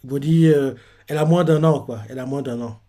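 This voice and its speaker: Mellow man rambling through a recap. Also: medium pitch, fairly quick. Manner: rambling, filler-heavy retelling. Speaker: manga reaction host. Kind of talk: casual chapter recap.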